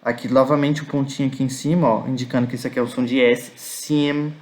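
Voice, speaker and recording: A Brazilian man with a Brazilian Portuguese accent teaches a recorded class. He talks patiently, saying each word several times and pausing to check that his students follow. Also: mid-range voice, little pitch movement, a little mellow. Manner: patient, repeats words slowly, many "tá?" and "né?" checks. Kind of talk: recorded class explaining vocabulary.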